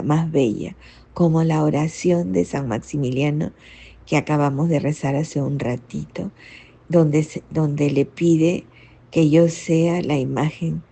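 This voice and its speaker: Woman, spiritual teaching, low husky voice, slow and unhurried, reflective with rhetorical questions. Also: dark tone. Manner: reflective, frequent rhetorical "¿no?" tags. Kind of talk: spoken catechesis talk.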